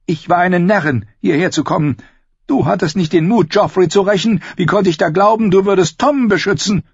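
Voicing the proud, desperate queen in the audiobook, the man speaks in a raised voice that moves from pleading to biting scorn. He pitches a little high, above his own voice, with a gravelly, darkish, breathy sound at a moderate pace. The audio is dry, dull and lo-fi, with no room sound.

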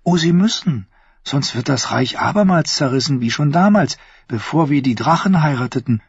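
A man's voice: fairly high pitch, animated, moderate pace, breathy edge, dry recording, voice pushed up, exaggerated voice. A man voicing a sly, sweet-voiced young woman with a lilting, scheming delivery in an audiobook. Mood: sweetly scheming. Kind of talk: audiobook character voice. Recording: dull lo-fi audio.

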